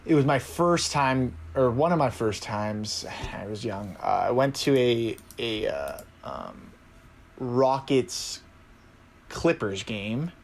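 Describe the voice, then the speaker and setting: A young man co-hosting a sports podcast, chatting casually and telling animated stories with frequent laughs. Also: medium pitch, takes it slowly, creaky, a little hiss or hum. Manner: animated storyteller, laughs often. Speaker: podcast co-host. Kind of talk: casual chat.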